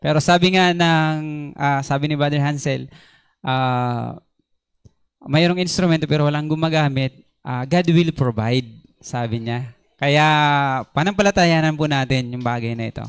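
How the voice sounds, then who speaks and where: A man with a Filipino accent leading a church service, gentle and hesitant with many fillers. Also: a little high, moderate pace, clear, resonant tone, no room sound. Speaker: worship service leader. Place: church hall.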